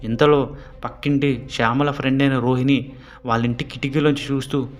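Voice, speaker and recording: A man narrating a horror story in a steady storytelling manner. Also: mid-range voice, fairly quick, faint music behind.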